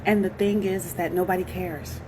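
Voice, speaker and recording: A woman's voice: fairly low pitch, steady tone, a little fast, noisy background. A woman ranting in a casual vlog, indignant and mocking as she speaks straight to her viewers. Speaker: royal news commentator.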